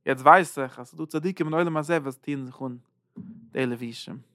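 Gravelly man teaching in halting bursts. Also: medium pitch, no echo, clean studio sound. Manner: halting, repeats words, swings between loud and soft. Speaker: Torah teacher. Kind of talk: Zohar lesson.

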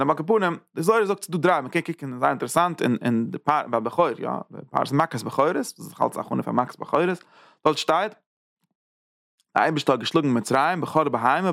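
A man teaching a Torah lecture as a rabbi, repeating phrases and checking in with quick "ja?" asides. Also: mid-range voice, vocal fry, fairly bright tone, no echo, clean studio sound. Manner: tags points with quick "ja?" checks; repeats and restarts phrases while building an idea.

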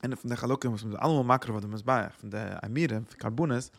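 A man's voice: medium pitch, quick pace, vocal fry. A man teaching a religious lesson, searching for words, often repeating them and dropping in English phrases. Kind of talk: Torah lecture in Yiddish-inflected German.

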